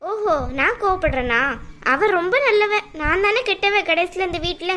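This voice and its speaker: A jealous, sharp-tongued young cartoon woman, voiced by a woman. Her voice sits high and she talks in scolding demands. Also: expressive, exaggerated voice. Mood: angry. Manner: scolding, demanding, quick to anger. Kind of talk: cartoon voice acting.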